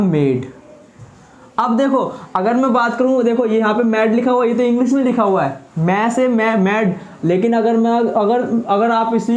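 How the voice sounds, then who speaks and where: Echoey patient teacher quizzing himself. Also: male voice, high voice, a little mellow. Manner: keeps asking rhetorical questions and answering them himself; patient and repetitive, says each word twice. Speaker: English teacher. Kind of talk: explaining spelling rules in a lesson. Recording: echoey room.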